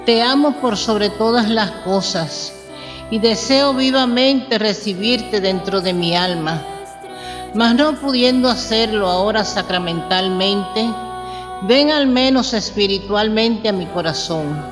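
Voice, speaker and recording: A woman reciting a devotional prayer in a deliberate, reverent manner, with long reverb. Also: mid-range voice. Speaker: prayer reader. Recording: long reverb under music. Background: clearly audible music.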